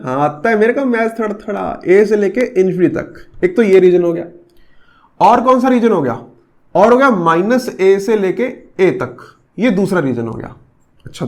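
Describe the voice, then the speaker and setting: A man's voice: high-pitched, a little mellow. A man in his thirties from India, teaching a physics lecture in a joking, teasing way and slipping English terms in. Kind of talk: classroom physics lecture with an anecdote.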